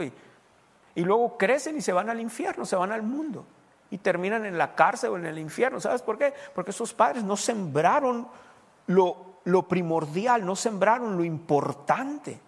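A man preaching a sermon as pastor, animated and mimicking people's voices. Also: sits high, breathy edge. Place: church. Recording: reverberant church hall.

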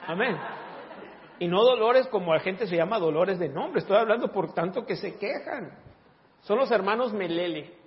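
High-voiced preacher, joking sermon. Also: male voice, expressive, normal speed, long reverb tail, muffled recording, a faint crowd. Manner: humorous, laughs often, acts out voices.

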